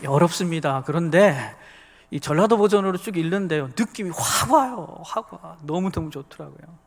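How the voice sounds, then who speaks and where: A man preaches a sermon and chats directly with his congregation. His voice sits fairly high. A long reverb from the church sanctuary trails each phrase. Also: animated, moderate pace, a faint crowd. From Busan, South Korea. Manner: chatty, speaks directly to the congregation. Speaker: associate pastor. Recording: long reverb of a large hall.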